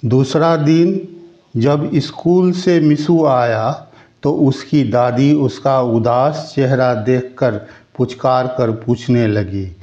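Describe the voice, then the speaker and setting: Slow, mellow male storyteller. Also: mid-range voice, lo-fi sound. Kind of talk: unhurried children's folk-tale narration.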